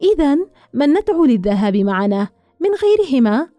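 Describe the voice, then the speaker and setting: A woman voicing an excitable, gossiping young woman who gushes in high exclamations. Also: fairly quick, no room sound, soft background music. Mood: excited gossip.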